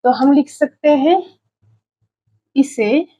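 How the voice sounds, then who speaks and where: A woman's voice: high-pitched, slow, mellow, no room sound. A woman teaching a spelling lesson for exam prep, saying each example word several times while she writes and checking in with her students. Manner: checks in with students, calls them "बच्चे". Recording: dull lo-fi recording.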